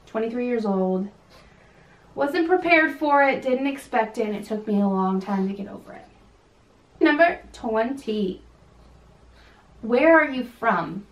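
A woman's voice: fairly high pitch, expressive, a little slow, long pauses, far from the mic. A young woman from California chatting casually on her channel, sassy and full of ums. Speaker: vlogger. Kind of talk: casual chat. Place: home room. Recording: echoey room with faint background hiss.

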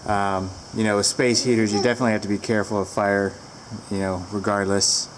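A woman's voice: rumbling low, flat delivery, brisk. A woman giving a casual, rambling product review with fillers, filmed on a handheld camera inside a large barn with the door open to the wind.

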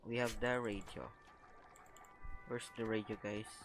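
Let's player, male, slow and casual, repeats himself, game music underneath. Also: fairly low pitch, steady tone, fairly bright tone. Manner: talks to viewers as "guys", repeats words. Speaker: gameplay commentator. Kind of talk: casual gameplay commentary.

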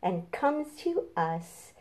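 In a home kitchen, filmed by a camera a short way off with a slight hiss or hum, a middle-aged woman runs a preschool storytime as a children's librarian. Her low-ish, slightly mellow voice is sing-song and extremely slow, and she speaks simply and encouragingly to young children and their parents.

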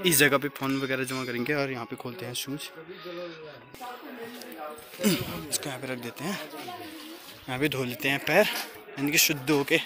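A young man narrating a casual travel vlog while walking outdoors, talking into a handheld phone camera. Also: fairly high pitch. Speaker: travel vlogger. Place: outdoors at a hill temple.

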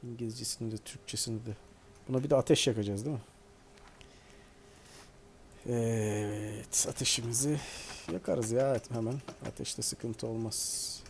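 A man's voice: medium pitch, steady tone, normal speed, a little hiss or hum. A man hosting a gaming video, chatting casually and playfully as he plays and talks back to the game. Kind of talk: casual let's-play commentary.

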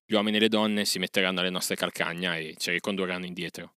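A man's voice: low-pitched, steady tone, quick pace, sharp tone, clear, resonant tone, no echo, clean studio sound. A man reading aloud and voicing a wounded, frightened village husband who speaks curtly and gloomily. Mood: hopeless.

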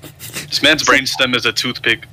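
Bright-voiced, joking young man. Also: medium pitch, fairly even intonation, a little slow, poor audio. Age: young adult. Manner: joking, crude, mocking. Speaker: podcast co-host. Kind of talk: casual chat.

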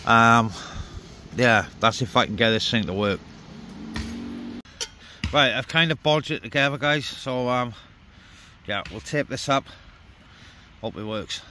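With long pauses and a measured pace, the man's mid-range voice comes across bright and forceful. He's an outdoor CB radio vlogger casually addressing viewers while fiddling with gear in a wet forest camp, muttering asides, recorded on an outdoor camera with clear background noise.

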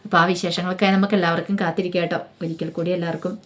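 Fast, chatty woman retelling a story. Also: on the low side, little pitch movement. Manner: chatty, with frequent fillers. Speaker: serial recap storyteller. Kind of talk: casual spoken story retelling.

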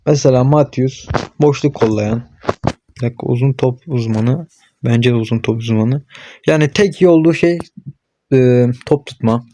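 His voice is medium-pitched and mellow, at a moderate pace. A young gaming channel host, he narrates his own football match live as he plays, egging on the on-screen players and talking to himself, getting frustrated and worked up, with angry outbursts.

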